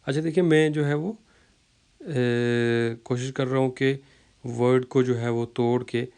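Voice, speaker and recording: Man slowly drilling vocabulary, smooth voice. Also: mid-range voice, fairly even intonation, darkish tone. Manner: slow, repeats words to drill pronunciation, many fillers. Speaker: language teacher. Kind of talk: explaining vocabulary lesson.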